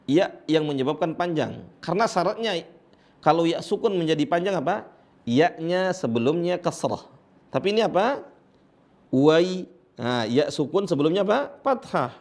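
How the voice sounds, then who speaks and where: A man with an Indonesian accent teaching Quran recitation rules, explaining each point and then chanting the verse slowly for students to repeat. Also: fairly high pitch, lively intonation. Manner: asks and answers his own questions, praising students. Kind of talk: tajwid lesson with recited examples.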